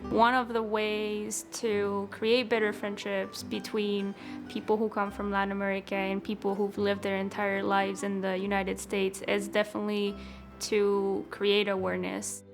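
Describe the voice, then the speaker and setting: Earnest young woman, flat delivery. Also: medium pitch, moderate pace, gravelly. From Chile. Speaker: scholarship recipient, PhD student. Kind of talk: interview testimonial. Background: music.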